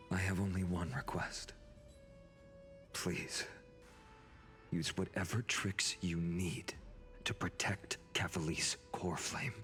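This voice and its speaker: Earnest, low-voiced young game hero. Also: male voice, a bit bright. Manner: earnest, measured, polite. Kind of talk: video game voice acting.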